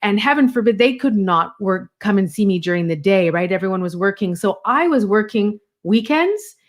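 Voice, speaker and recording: A woman's voice: medium pitch, expressive, normal speed. A middle-aged woman who co-hosts a podcast and works as a coach, telling stories in an emphatic, conversational way. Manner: emphatic, storytelling.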